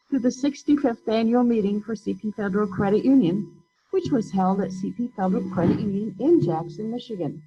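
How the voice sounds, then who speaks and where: A woman's voice: fairly high pitch, mellow. A woman secretary reading minutes aloud formally, her voice muffled by a face mask. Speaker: board secretary.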